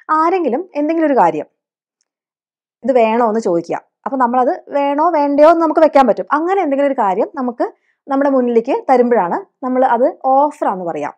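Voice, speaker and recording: Patient woman teacher, slightly high voice. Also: darkish tone. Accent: Malayali English. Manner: explains patiently with many rhetorical questions. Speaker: English teacher. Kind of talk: teaching spoken English.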